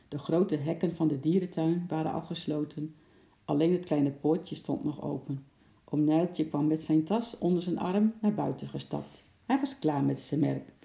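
Lively children's-book narrator, dark tone, roomy room. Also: mid-range voice, gravelly. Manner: lively storytelling. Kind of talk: children's audiobook reading. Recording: roomy echo.

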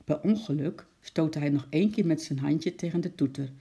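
A storyteller reading a children's story aloud in a calm narrating voice. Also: medium pitch, moderate pace, slightly rough.

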